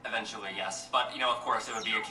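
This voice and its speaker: A man's voice: on the low side, steady tone, rapid-fire. A man on a dating show chatting politely with some hesitant fillers. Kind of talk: casual chat. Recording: echoey room from far off, loud music.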